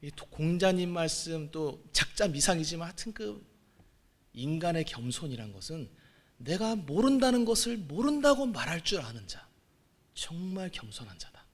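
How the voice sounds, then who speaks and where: A man in his forties preaching a sermon as pastor, moving between quiet asides and loud exclamations. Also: a little high, sing-song, moderate pace. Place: church sanctuary.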